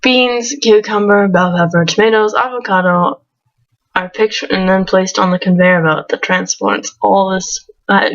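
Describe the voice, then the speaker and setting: Woman, mid-pitched, reads game text aloud with giggly asides; muffled lo-fi home recording. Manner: giggly, breaks into laughs between read lines. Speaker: let's play gamer. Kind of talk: reading game text aloud with casual commentary.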